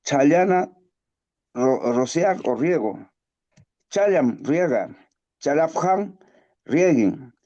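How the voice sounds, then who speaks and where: A student reading verb drills aloud in careful, halting recitation over an online class call. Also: medium pitch, big pitch swings, warm tone, muffled recording.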